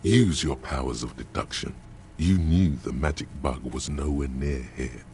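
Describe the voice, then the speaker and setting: A rumbling, gravelly game narrator. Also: male voice, a little mellow, slight background noise. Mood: solemn. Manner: slow, solemn, descriptive.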